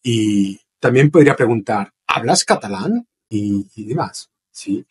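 A man's voice: on the low side, measured pace, darkish tone, husky. A man teaching Spanish phrases in an online lesson, explaining with restarts and checking in with "¿sí?". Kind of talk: informal online language lesson. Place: home, streaming test with screen sharing. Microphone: computer mic on a streaming platform.

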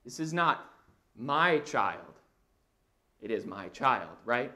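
A man's voice: medium pitch, very animated, takes it slowly, bright, forceful tone. A man in his thirties preaching a conversational sermon while walking the stage of a church auditorium. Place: church auditorium with a projection screen.

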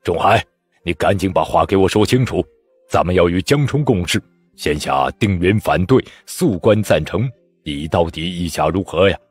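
A man's voice: extremely low pitch, fairly even intonation, moderate pace, a little mellow, dry recording, soft background music, pitched below the performer's own voice. A man voicing a stern, testy older official who scolds and presses impatiently. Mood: bellowing.

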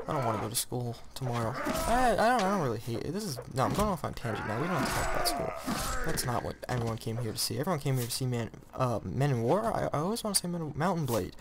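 A teenage boy narrates his own gameplay in a rambling, excitable way, constantly restarting and correcting his sentences. His voice sits at an ordinary middle pitch. A faint hiss of noise sits under the recording. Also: racing, few pauses. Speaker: gamer. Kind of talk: let's play commentary.

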